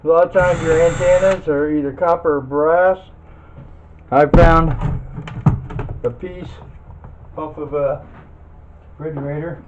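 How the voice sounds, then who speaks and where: A man hosts a video on scrap metal teardown, working through it casually and talking himself through each step in a folksy way. His voice sits on the high side with a steady tone, a measured pace and long pauses. The sound is dull and lo-fi, with faint clicks and noise.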